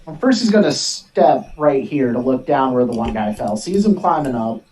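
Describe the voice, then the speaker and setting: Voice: mid-range voice, expressive, moderate pace, a little mellow. A game master talking casually and animatedly while running a tabletop role-playing game.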